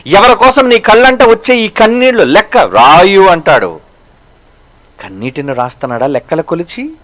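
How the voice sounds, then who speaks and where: A man preaching a sermon as a pastor, firing rhetorical questions at the listeners. He slows down for emphasis and swings between loud and hushed. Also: high voice, big pitch swings.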